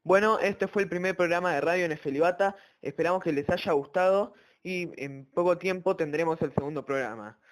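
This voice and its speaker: A man's voice: high-pitched, a little fast, hardly any pauses. A man hosting a radio program, giving a brief friendly sign-off. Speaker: radio show host.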